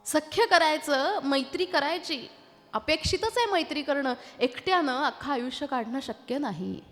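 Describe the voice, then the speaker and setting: A woman with a Marathi accent performing a devotional kirtan in a temple, a lively talk that breaks into sung verses and teases the audience into answering back. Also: high voice, normal speed. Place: temple hall. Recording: reverberant hall with faint music.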